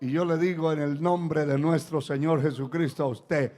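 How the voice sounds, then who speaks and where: A male pastor preaching a sermon, dropping to quiet, low passages and then rising into shouted exhortation. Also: fairly even intonation, moderate pace.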